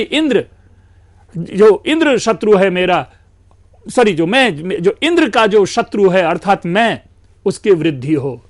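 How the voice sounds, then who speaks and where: A male lecturer with a fairly high voice explains grammar patiently, stretching out example sounds and switching into English phrases now and then. He talks to his students as friends in a steady, academic lecture. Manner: explains slowly, drawing out sounds and mixing in English; addresses listeners as friends.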